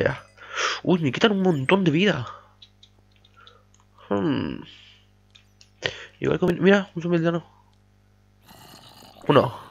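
A man's voice: mid-range voice, creaky. A man giving chatty let's play commentary while mining, humming "pa pa pa" to himself. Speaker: gamer. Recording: dull lo-fi mic audio.

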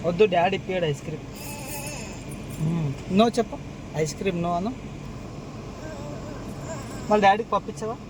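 A young woman talking gently to her small child in a casual home video, coaxing and repeating herself. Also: medium pitch, normal speed, pauses often. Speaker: mother talking to her toddler. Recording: outdoor street noise with traffic.

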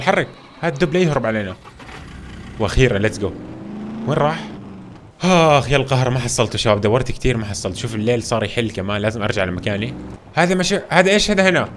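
A man rattles off quick, excitable commentary over his gameplay, exclaiming at every find and throwing in English gaming slang. His pitch sits in a middle range for a man, and a faint hiss lies under his home mic. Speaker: gaming YouTuber playing a survival role-play game. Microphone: home gaming mic that a friend says sounds off.

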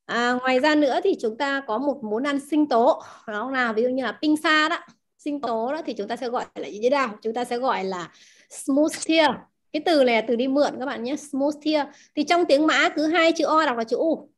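This high-voiced woman moves at a brisk clip while teaching language. A native Vietnamese speaker, she explains terms, asks the class questions often and goes back over key words.

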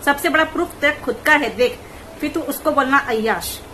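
A woman vlogger giving mocking, scolding commentary on clips in rapid rants. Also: high-pitched, bright, forceful tone, slight background noise, rough recording.

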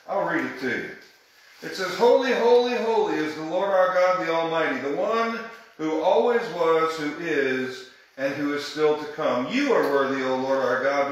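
A man's voice: on the high side, fairly bright tone, very echoey, poor audio. A man leading a Bible study in a church room, teaching conversationally and emphatically and often checking in with his group.

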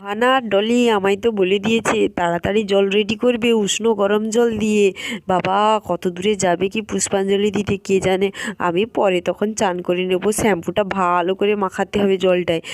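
A woman plays a hoarse young sister-in-law in a doll story, her voice husky from a cold. She frets and mutters to herself as she works, heard close and dry with no room sound. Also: medium pitch, no room sound, natural voice. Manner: fretful, talks to herself. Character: busy young sister-in-law readying a bath.

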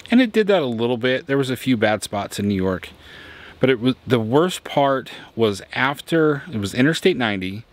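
Low-voiced man chatting casually outdoors. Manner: rambling, conversational, explaining step by step. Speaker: vlogger. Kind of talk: casual vlog talk.

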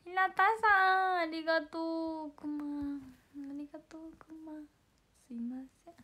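Her voice very high, hoarse and tired, a young idol host reads fan comments on a livestream and thanks people by name. She talks at a measured pace in a steady tone, alternating cheerful hellos with breathy near-whispers.

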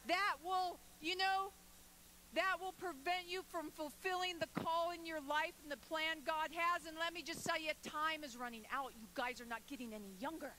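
A woman pastor preaching a sermon, emphatic and rising to forceful declarations. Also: very high voice, fairly even intonation, moderate pace, a little hiss or hum, rough recording.

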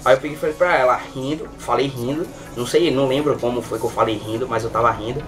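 A man's voice: medium pitch, fairly even intonation, quick pace, over loud music. A young Brazilian man chatting casually to camera as a vlogger, rambling informally with lots of filler words. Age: young adult. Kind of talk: casual chat to camera, storytelling. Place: small bedroom, indoors. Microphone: webcam or computer mic at desk distance. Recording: distant webcam mic.

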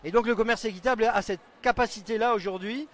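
A man in his forties with a fairly high voice hosts a live stream at a crowded trade stand. He explains fluently and at length, holding a handheld mic in a big indoor exhibition hall. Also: steady tone, quick pace, a bit bright. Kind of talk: live event interview and explanation.

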